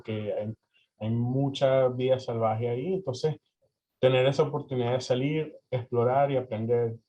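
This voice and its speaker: A man's voice: medium pitch, warm tone. A young man from Venezuela answering interview questions, hesitant with many fillers and restarts. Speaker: interview guest. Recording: slightly dull lo-fi audio.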